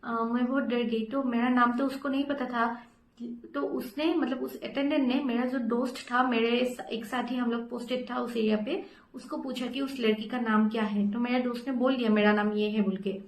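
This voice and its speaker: A woman's voice: on the high side, steady tone, moderate pace, reverberant. A young woman nursing student telling a personal story in a casual, rambling way, with many fillers and English words mixed in.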